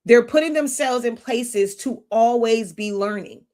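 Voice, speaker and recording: High-voiced woman lecturing bluntly. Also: unhurried, darkish tone. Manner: blunt, lecturing, searches aloud for words. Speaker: business mentor on a livestream. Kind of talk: unscripted live teaching monologue.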